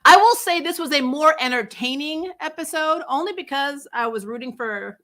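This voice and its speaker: Her voice sits high with a fairly bright tone, lively intonation and normal speed. As host of a superhero TV recap show for fans, she chats casually, sounding sarcastic and incredulous, doesn't hold back on swearing, and keeps breaking into laughter as she talks.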